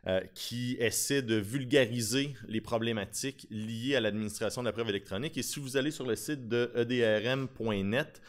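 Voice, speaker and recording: A man's voice: medium pitch, normal speed, few pauses. A man in his thirties with a Québécois French accent, giving an informal, talkative conference presentation at a podium microphone. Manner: informal, talkative, with self-deprecating humour. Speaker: conference speaker, lawyer specializing in digital forensics. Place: conference room at a lectern. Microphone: podium gooseneck microphone.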